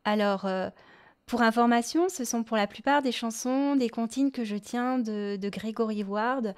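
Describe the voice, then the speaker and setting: Slow-speaking French woman teaching music. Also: fairly high pitch. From France. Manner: slow, gentle explaining, sings short nursery rhymes. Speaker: music teacher and podcast host. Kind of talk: podcast lesson addressed to parents.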